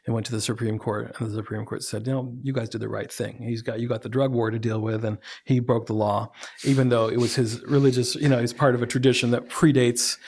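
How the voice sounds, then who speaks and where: A man's voice: mid-range voice, flat delivery, fairly quick, darkish tone. Explanatory man from Oklahoma. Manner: explanatory, building to emphatic points. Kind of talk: podcast conversation.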